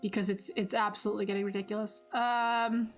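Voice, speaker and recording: A woman's voice: medium pitch, flat delivery, fairly quick. Woman, streamer, casual game playthrough, reads narration aloud, self-deprecating, faint background music. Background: soft background music.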